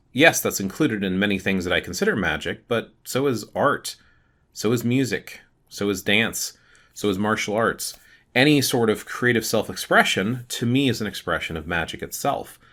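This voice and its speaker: A man with a very low but bright, forceful voice talks to the camera about his own ideas. He explains things thoughtfully, stopping often to gather his words. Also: lively intonation, moderate pace. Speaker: channel host. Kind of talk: casual talk to camera.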